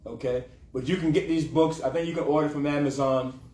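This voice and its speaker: Leading an informal scripture class, this man speaks in a fairly high, slightly mellow voice, fairly quick and with fairly even intonation. He repeats his points, checks in with short tag questions, and keeps dropping "okay" and "huh." The room echoes and the mic sits far away.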